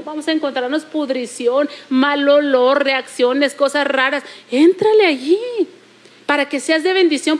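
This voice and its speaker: A Mexican woman delivers a sermon in a high, bright voice. She presses her points by repeating phrases and drawing out key words slowly. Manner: emphatic repetition, slowing to stress points. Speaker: preacher.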